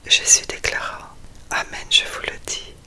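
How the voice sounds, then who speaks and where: A person reading scripture in a quiet, hushed ASMR whisper, soothing, as if at night for bedtime. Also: a little slow. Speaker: reader.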